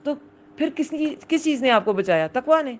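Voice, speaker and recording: A woman's voice: sits high, expressive, noisy background. A woman giving a religious lesson, explaining patiently and often asking her listeners whether they understood. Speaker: Quran teacher. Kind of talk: Urdu religious lesson with English words.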